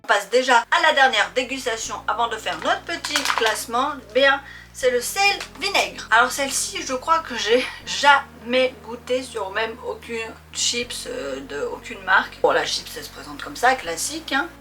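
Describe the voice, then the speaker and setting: Fairly high-pitched and animated, a woman hosts a snack-tasting video at normal speed while music plays in the background. She's chatty and informal, playfully addressing her viewers with pet names.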